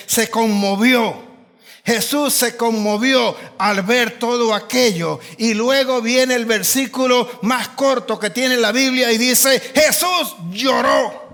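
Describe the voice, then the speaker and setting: A man's voice: very high-pitched, fairly bright tone, long reverb tail. A man preaching a sermon as pastor, driving his points home with repetition and rising emphasis.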